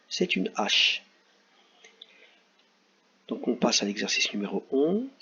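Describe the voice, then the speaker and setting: Male teacher, slow and patient, lively pitch, slightly husky, dull lo-fi recording. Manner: slow, patient, spells out sounds and letters. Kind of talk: recorded classroom lesson for children.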